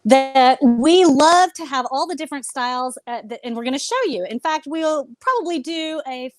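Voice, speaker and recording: A woman's voice: sits high, animated, normal speed, no room sound, clean studio sound. A woman improvising a gushing comic bit over a video call, talking in a rush. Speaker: improv player.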